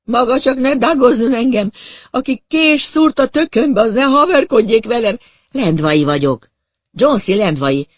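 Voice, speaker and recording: A man voicing a panicked, wounded man who shouts and rants indignantly in an audiobook. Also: very high voice, expressive, no echo, voice pushed up. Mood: outraged. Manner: shouting, frantic, outraged.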